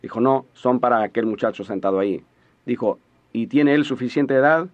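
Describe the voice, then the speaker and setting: A man interpreting a sermon in a steady, measured voice-over. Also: medium pitch. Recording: dull lo-fi audio.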